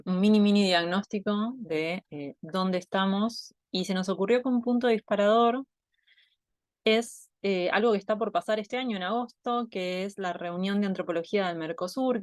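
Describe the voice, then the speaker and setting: A woman's voice: mid-range voice, no echo, clean studio sound. A woman from Argentina with an Argentine Spanish accent, an anthropologist giving an online talk, thinking aloud with many fillers and restarts. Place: home, Buenos Aires.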